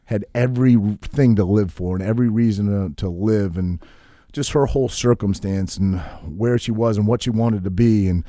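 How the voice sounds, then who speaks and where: Low-voiced man telling profane stories. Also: normal speed, warm tone, no echo, studio quality. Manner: profane, storytelling, laughs at himself. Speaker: podcast co-host. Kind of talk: casual podcast chat.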